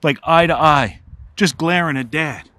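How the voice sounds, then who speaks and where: A middle-aged man, telling a funny personal story in an animated, comic way. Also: a little high, a little slow, dry recording. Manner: animated, comic, builds to excited outbursts. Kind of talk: casual spoken storytelling.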